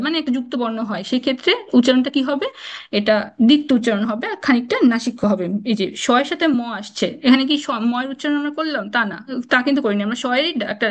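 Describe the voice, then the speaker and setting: A young woman teaching pronunciation rules in a live lecture, chatty and quick, often checking in with her students. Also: a little high. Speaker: online exam-prep teacher.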